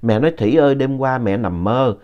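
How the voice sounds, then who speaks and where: A man narrating a ghost story in an unhurried, conversational way, adding explanatory asides. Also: mid-range voice. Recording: dull lo-fi audio.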